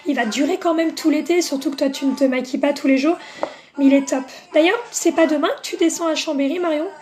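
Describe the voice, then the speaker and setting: A woman's voice: high-pitched, quick pace, darkish tone, a little hiss or hum. A woman hosting a makeup live stream, chatting casually with viewers and greeting them by name, with plenty of fillers.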